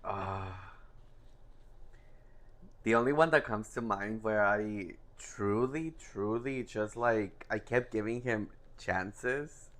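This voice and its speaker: A man co-hosting a podcast in casual chat, teasing and cutting in with quick questions. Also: on the low side, fairly bright tone. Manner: teasing, interjecting. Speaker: podcast co-host.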